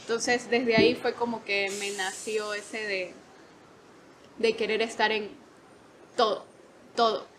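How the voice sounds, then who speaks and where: A woman in her twenties, a podcast guest, telling stories in an animated way, laughing often and acting out quotes. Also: medium pitch, takes it slowly, long pauses, slight background noise. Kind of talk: casual storytelling.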